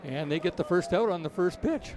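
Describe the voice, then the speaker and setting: A man's voice: sits high, lively intonation, a little fast, over music. A man doing casual, conversational play-by-play of a baseball game. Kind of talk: casual conversational sports commentary.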